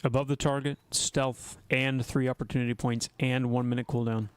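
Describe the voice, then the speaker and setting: A man's voice: mid-range voice, flat delivery, normal speed, clear, resonant tone, dry recording. A man streaming a video game, chatting casually with his viewers and teasing them with wry asides. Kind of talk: casual livestream commentary while gaming.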